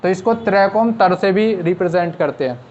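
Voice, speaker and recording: A man's voice: sits high, normal speed, a little mellow, dull audio, a little hiss or hum. A man teaching shorthand, explaining step by step with rhetorical questions he answers himself. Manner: patient, asks rhetorical questions and answers them. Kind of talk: explaining step by step in an online class.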